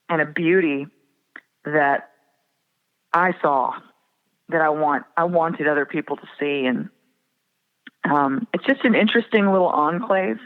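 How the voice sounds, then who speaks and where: A woman in her forties from the northern prairie, reflective and often laughing softly as an interview guest. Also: low voice. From Minnesota and North Dakota border area. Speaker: guest singer-songwriter. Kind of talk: casual interview chat. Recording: tinny phone-like line with long reverb.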